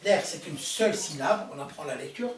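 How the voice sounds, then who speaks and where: A man's voice: fairly high pitch, expressive, moderate pace. A man rabbi teaching a Torah lesson to a live audience, quizzing them with questions and stressing key words. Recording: roomy hall from a distant mic, faint noise.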